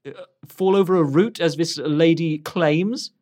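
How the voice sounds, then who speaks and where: A man's voice: a little high, a little slow, a little mellow, pitched above the performer's own voice, close to an everyday voice. A man voicing a suspicious, irritable village father who accuses strangers. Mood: accusing.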